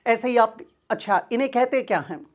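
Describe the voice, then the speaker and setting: A woman's voice: on the high side, lively intonation, brisk, dull audio. A woman teaching an English grammar lesson for exam preparation, asking her class questions and answering them herself, calling her students "beta".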